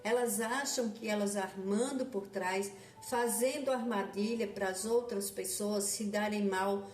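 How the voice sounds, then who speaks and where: A woman preaching a devotional sermon in a slow, earnest, repetitive way, often restarting her phrases. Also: mid-range voice, steady tone. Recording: echoey room with faint music behind.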